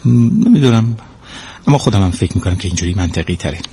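A man's voice: low voice, lively intonation, dark tone, a little hiss or hum. A man playing a tired, defensive husband in an audio drama, pleading and insisting it was a joke. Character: tired, defensive husband caught holding a knife. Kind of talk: amateur audio drama acting.

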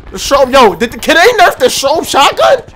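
A young man giving excitable, trash-talking commentary over his own gameplay, often laughing. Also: very high voice, moderate pace. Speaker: gaming YouTuber. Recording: faint game gunfire behind. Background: gunfire.

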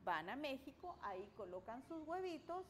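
Middle-aged woman, high pitch, animated intonation, expressive children's storytelling. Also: normal speed, a little hiss or hum. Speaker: guest children's author and teacher.

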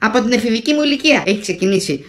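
A woman acting a middle-aged male patient in a comic audio sketch, rambling and excitable, his voice shooting up whenever he gets worked up about being robbed. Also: on the high side, a little hiss or hum, close to an everyday voice. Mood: agitated. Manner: excitable, rambling, voice jumping up when upset.

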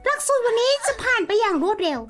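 Very high, bright mock-teacher woman. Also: animated, rapid-fire, faint music behind. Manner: mock-teacherly, exaggerated and theatrical. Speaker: streamer acting as English teacher. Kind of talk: playful live-stream chat.

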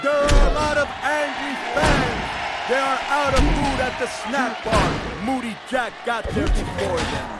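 Excitable wisecracking male lucha libre announcer, very high-pitched video game commentary over roaring crowd. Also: measured pace. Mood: excited, joking. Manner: bantering, emphatic. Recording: loud arena crowd and music behind.

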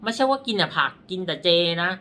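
A man reading palms gives a casual explanation, blunt and rambling, correcting himself and indicating his own hand. His voice sits high and is expressive, fast, bright, and forceful, and his throat sounds dry.

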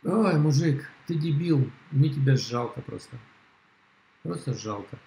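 A middle-aged man argues over a video call from a room at home. His voice sits at an ordinary pitch, and his replies come blunt, scornful and dismissive. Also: lively intonation, unhurried, vocal fry, dark tone, poor audio. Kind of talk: heated casual argument.

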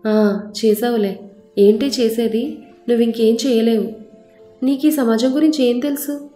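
A woman's voice: fairly high pitch, steady tone, moderate pace, dark tone, reverberant, soft background music, lightly acted. Scolding tearful mother, voiced by a woman narrator. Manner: scolding, with a voice that trembles with grief. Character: worried middle-aged mother, scolding and tearful.

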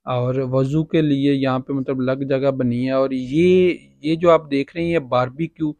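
A man with a Pakistani Urdu accent, working as a property agent, walks outdoors through a farmhouse property and casually points things out, using many fillers. His voice is fairly high and a little mellow, recorded dry.

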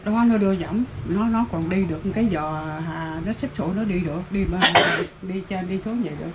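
A woman's voice: lowish voice, brisk. Older Southern Vietnamese woman, plain-spoken. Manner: plain-spoken, rambling, with exclamations. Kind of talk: casual rural storytelling. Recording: noticeable background noise.

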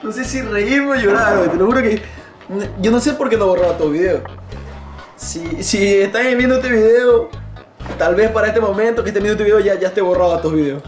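A young adult man reacts to his own old videos, making jokey, self-mocking commentary and sounding embarrassed about himself. His voice is high and brisk, recorded in a small, echoey bedroom with faint music in the background.

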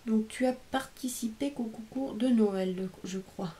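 A woman's voice: a little high, mellow. Gushing woman chatting over craft mail. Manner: chatty, gushing over each item, reads English phrases haltingly. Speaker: craft channel host opening mail. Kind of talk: casual unboxing chat.

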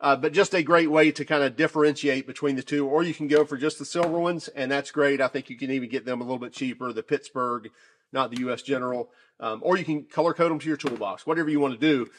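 A man casually reviewing shop tools off camera, talking in a chatty, relaxed way with many fillers and restarts. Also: medium pitch, quick pace, slight background noise. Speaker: tool reviewer.

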